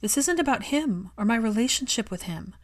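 A woman's voice: a little high, expressive, fairly quick, voice pushed up. A woman reading fiction aloud and voicing an earnest, caring young woman who speaks firmly.

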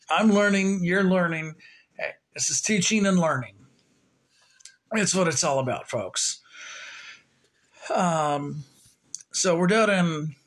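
A man's voice: high voice, fairly bright tone. A man hosting his own podcast, chatting in a loose, rambling way with plenty of fillers. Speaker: podcast host. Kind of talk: casual solo podcast talk.

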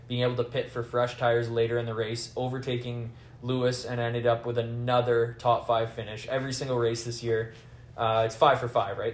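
A man talks through a race recap in a casual podcast chat, his pitch staying flat and even as he leans on "like" and "kind of". The room is echoey, with a faint hiss underneath. He sounds relaxed and conversational. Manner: filler-heavy, hedging with "like" and "kind of". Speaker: podcast host. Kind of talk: casual chat about motor racing.

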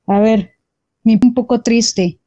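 A woman's voice: on the high side, steady tone, takes it slowly, dark tone, no echo. A woman, co-hosting a casual chat with short reactions and questions. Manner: brief reactions and questions, laughs along. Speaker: podcast co-host.

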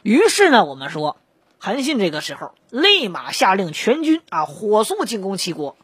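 A woman telling a history story in a lively, joking, conversational way. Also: mid-range voice, moderate pace, slightly rough, dry recording.

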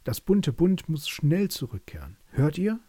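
A man voicing a brave tiny field mouse in a bedtime story, squeaky and insistent. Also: very animated, mellow, breathy edge, no echo, heavily acted. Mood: urgent. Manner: squeaky, insistent, rushed pleading.

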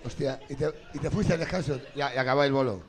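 A male host of a party game show trading joking banter with teasing quick comebacks. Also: mid-range voice.

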